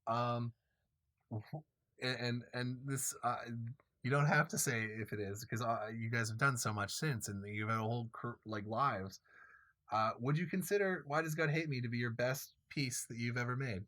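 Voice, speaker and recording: A man in his twenties hosting a live Q&A, talking in a halting way with many fillers and restarts. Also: mid-range voice, sharp tone, no room sound. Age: 20s. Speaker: host and filmmaker. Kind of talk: live Q&A chat.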